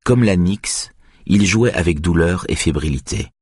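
A man narrating a novel in a measured, somber way. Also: sits low, lively intonation, a little mellow, slightly rough, no room sound, studio quality. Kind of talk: audiobook narration.

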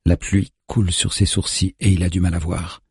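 A man reads a thriller audiobook in a steady, tense voice. His tone is very deep and rough, almost raspy, and it sounds close and dry with no room around it. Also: moderate pace, no room sound. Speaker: audiobook narrator. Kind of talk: scripted thriller narration.

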